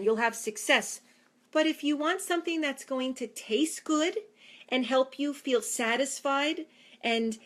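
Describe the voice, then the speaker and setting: A woman's voice: high voice, fairly bright tone. A woman in her forties with a New York accent, a fitness trainer talking earnestly and chattily in a vlog. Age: 40s. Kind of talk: casual vlog talk.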